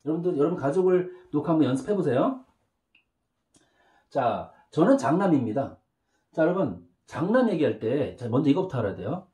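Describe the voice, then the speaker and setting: Man, English teacher, beginner lesson, fairly high voice, very animated pitch, chatty, slow drilled phrases. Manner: lively and chatty, says English phrases slowly for the class to repeat; keeps checking in with quick questions.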